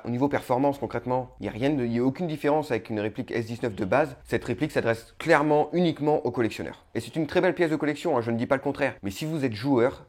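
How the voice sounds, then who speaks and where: A man's voice: mid-range voice, a little mellow. A man with a Nord-Pas-de-Calais French accent giving a casual product review, chatty and full of little fillers. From northern France. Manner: chatty, peppers sentences with "hein" and "bah". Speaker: airsoft gun reviewer. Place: home setup, voice-over.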